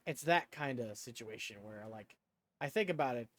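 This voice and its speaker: Man with a swooping, animated pitch, thinking aloud. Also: moderate pace. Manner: rambling, self-conscious, thinking aloud. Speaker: video game streamer. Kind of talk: casual chat and commentary while playing a game.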